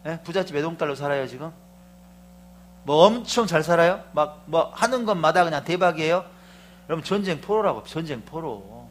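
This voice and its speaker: A middle-aged male pastor preaching fervently, moving from hushed asides to shouted proclamations and often questioning the congregation. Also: fairly high pitch, expressive, moderate pace, slight background noise. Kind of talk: sermon.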